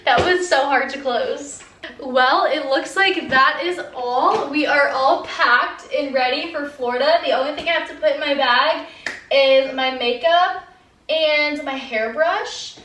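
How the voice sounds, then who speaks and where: Young woman, casual vlog chat, frequent "like" fillers, slightly high pitch, echoey home room, faint background noise. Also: measured pace, pushed and bright. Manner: chatty, fills speech with "like". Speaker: lifestyle vlogger.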